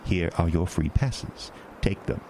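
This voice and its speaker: An actor plays a sinister, smooth-talking carnival owner in a horror audio drama, using a deep, coaxing and theatrical delivery. He sounds unhurried, mellow and sly, with slight background noise.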